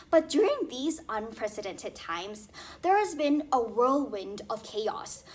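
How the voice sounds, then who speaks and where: A young woman competing in a speech contest, delivering a formal, rehearsed speech in a stiff, memorized way with deliberate emphasis. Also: a little high. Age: young adult.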